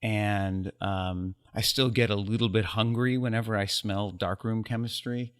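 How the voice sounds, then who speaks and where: An American photographer appears as a guest in a casual interview, speaking reflectively with wry, self-deprecating humor and pausing with ums. His voice is lowish with fairly even intonation.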